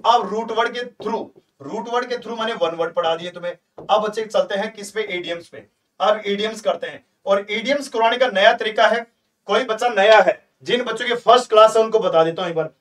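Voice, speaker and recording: A man's voice: sits high, a little fast, fairly bright tone, far from the mic. A man teaching a live online exam-prep lesson in a chatty, coaxing way, repeating points and asking his students questions.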